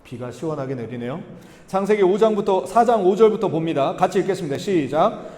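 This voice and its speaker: Preaching in a church sanctuary, a male pastor asks his congregation questions and performs the voices from Bible passages. His high voice has a dark tone and he sounds animated and brisk, with long hall reverb on the recording.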